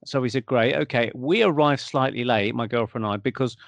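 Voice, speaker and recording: British man telling a lively story, dry sound. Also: mid-range voice, fairly quick, gravelly, no echo, dull audio. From United Kingdom. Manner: animated anecdote teller who acts out quoted dialogue. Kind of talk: casual conversation, storytelling.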